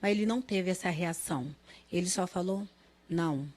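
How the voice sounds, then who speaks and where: Emotional mother speaking haltingly. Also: lowish voice, a little mellow. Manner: halting, repeats words, quotes others in dialogue. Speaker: interviewee, mother. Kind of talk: emotional interview testimony.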